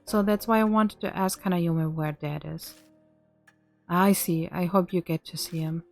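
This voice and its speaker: Slow, subdued woman reading game dialogue. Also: on the low side, steady tone, gravelly. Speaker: VTuber streamer. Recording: music behind the voice.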